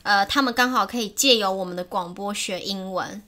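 A woman's voice: mid-range voice, a little fast, pushed and bright. A woman from Taiwan co-hosting a casual podcast, speaking Taiwanese-accented Mandarin mixed with English words. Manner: cheerful, mixes Chinese with English words. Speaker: podcast co-host. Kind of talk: casual bilingual chat.

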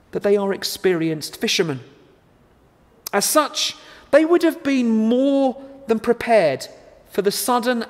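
A man in his thirties preaches in a high voice, unhurried and deliberate. His earnest words ring out with a long reverberant tail from a large church interior. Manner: measured, earnest, deliberate delivery. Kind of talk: recorded sermon to camera.

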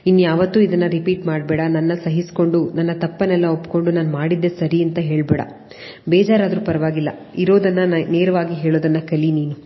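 A woman's voice: low-pitched, steady tone, fairly quick, lightly acted. A woman voicing a remorseful young man who pleads earnestly for forgiveness, read in a storybook narration. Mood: remorseful pleading. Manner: pleading, apologetic. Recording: dull lo-fi audio with long reverb.

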